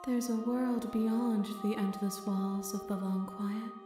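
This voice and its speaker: An actress playing a calm, enigmatic otherworldly female being in a video game, speaking formally through heavy echo. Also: medium pitch, takes it slowly. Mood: serene. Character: calm otherworldly female entity on the cusp of awakening. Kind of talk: dramatic video game voice acting. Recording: echoing, distant, loud music behind.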